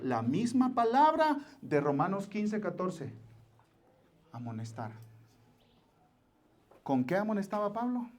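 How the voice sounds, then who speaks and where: A Mexican pastor preaching in a church, his high voice pleading with the congregation. He drops to near-whispers and then builds to forceful appeals. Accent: Mexican Spanish. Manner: pleading, swings from hushed to forceful. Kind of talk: sermon.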